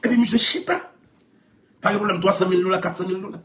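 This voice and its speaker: Talking fast in a high voice, this Haitian Creole-accented man spins stories in lively chat, breaking into laughter often and saying his phrases more than once.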